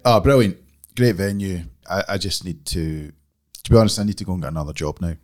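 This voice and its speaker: Glasgow guy with a low voice, kinda jokey, just chatting on a podcast. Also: fast talker, a little mellow. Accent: Glaswegian Scottish. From Glasgow, Scotland. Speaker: magazine editor, podcast guest. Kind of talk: casual podcast chat. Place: small office room.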